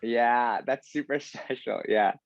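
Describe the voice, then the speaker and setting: He takes his time, his medium-pitched voice carrying no room sound and missing its highs. An American in his thirties, he talks casually in a podcast interview, with plenty of fillers and restarts.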